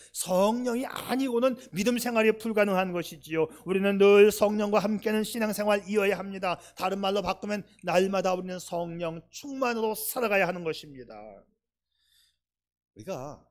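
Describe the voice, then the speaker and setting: A male pastor with a fairly high voice preaches a sermon emphatically, moving between loud stresses and soft asides. He puts rhetorical questions to the congregation.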